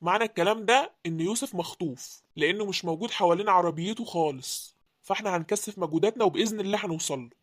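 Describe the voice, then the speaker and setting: A woman's voice: lowish voice, rapid-fire, lightly acted. A woman voicing a stern male police officer who speaks Egyptian Arabic in a formal, businesslike way.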